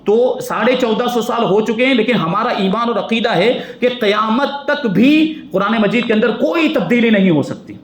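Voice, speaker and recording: A man's voice: high-pitched, lively intonation, hardly any pauses, echoey room. A man giving a Quran commentary lesson in a mosque, earnest and full of rhetorical questions to his listeners. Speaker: mufti teaching Quran commentary.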